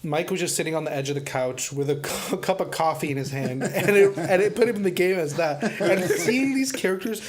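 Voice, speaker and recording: A man's voice: high voice, fairly quick, hardly any pauses, a crowd in the background. A young man co-hosting a casual podcast, telling stories enthusiastically and giggling as he goes. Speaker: podcast co-host. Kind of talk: casual chat among friends.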